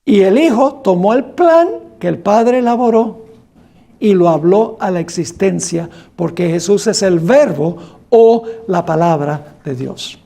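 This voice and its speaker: A man's voice: high-pitched, vocal fry, dark tone. A man preaching a Bible study, reading scripture aloud with emphasis and quizzing his congregation with questions. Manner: slow and deliberate, quizzing the congregation. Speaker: pastor.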